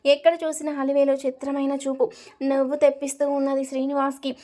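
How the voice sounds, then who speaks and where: A woman narrating a serial family story in a steady, even storytelling manner. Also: sits high, quick pace.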